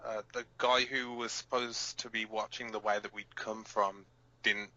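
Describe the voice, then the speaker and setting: In an audio drama, a man plays a gruff, battle-scarred resistance fighter co-hosting an underground radio broadcast, sounding blunt, profane, reluctant and halting. His lowish voice barely moves in pitch and comes across pushed and bright. The recording has a dull lo-fi quality.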